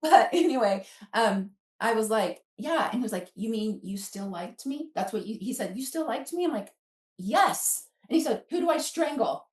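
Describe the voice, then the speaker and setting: A middle-aged woman, her voice a little high and her pace normal, is a podcast guest telling her own story casually. She animatedly acts out remembered dialogue, quoting people as she goes. The room sounds roomy and echoey.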